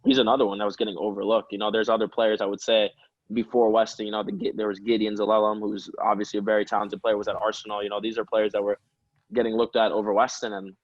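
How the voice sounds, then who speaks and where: A professional soccer player in his early twenties, appearing as a guest in a casual interview, talks fast in a lowish voice, rambling and laughing often. The recording is muffled but has no echo.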